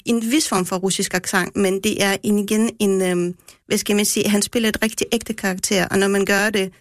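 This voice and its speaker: A woman's voice: medium pitch, steady tone, dry recording. Woman explaining at length, dry studio sound. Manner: explanatory, with many restarts. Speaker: guest critic who speaks Russian. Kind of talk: casual radio discussion.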